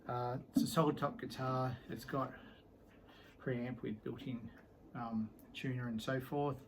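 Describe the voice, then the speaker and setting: Middle-aged male collector, casual and unhurried, mid-pitched, rambles with plenty of filler words, faint room hum behind. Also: fairly even intonation, low-quality recording. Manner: rambling and easygoing, with many ums and trailing sentences. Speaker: guitar collector showing his instruments. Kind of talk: casual show-and-tell vlog.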